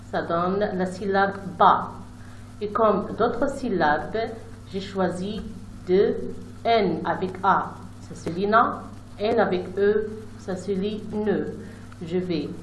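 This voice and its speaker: Woman, reading teacher, very slow and deliberate sounding out, roomy echo, faint background noise. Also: medium pitch. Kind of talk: slow reading lesson for young children.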